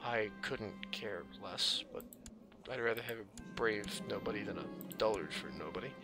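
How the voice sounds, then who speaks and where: With music under his voice, a gaming video host offers dry, offhand, casual commentary on gameplay, thinking aloud. His slightly scratchy voice is fairly low and spoken at normal speed.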